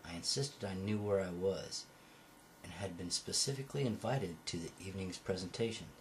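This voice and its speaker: In a home recording with faint background noise, an amateur audiobook reader with a deep voice reads a novel at a moderate pace. Now and then he stumbles over a word and corrects himself.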